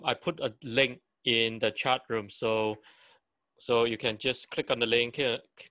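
A man in his forties, giving a photography seminar over a video call, talking with frequent restarts and halting phrasing. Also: mid-range voice, sharp tone, dry recording. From Malaysia. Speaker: photography teacher. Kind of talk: online seminar talk.

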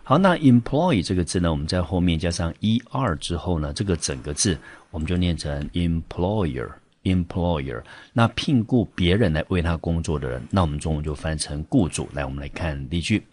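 A man's voice: low-pitched, lively intonation, a little fast, few pauses, darkish tone, husky. A man teaching English vocabulary in Taiwanese-accented Mandarin, explaining example sentences patiently with frequent fillers.

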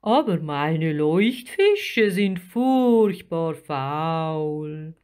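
A woman voicing a huge, friendly male octopus in a storybook reading, with a deep, drawn-out, booming voice. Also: big pitch swings, a little mellow, clear, resonant tone, exaggerated voice. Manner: slow and kindly, easily offended.

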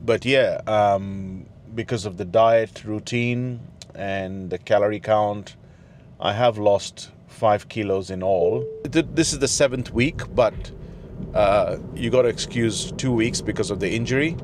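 A middle-aged man chatting to camera from a parked car into a handheld mic, halting with many fillers. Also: fairly low pitch, darkish tone, slight background noise. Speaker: dad in a family gym vlog. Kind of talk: casual talk to camera. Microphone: handheld fluffy wireless mic.

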